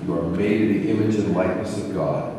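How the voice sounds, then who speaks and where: A man plays a genial, inquisitive elderly spiritual teacher in an amateur radio play, sounding reflective and assured. His low, warm voice is steady, a little fast and lightly acted, recorded with a distant mic in a large, very echoey hall with faint noise.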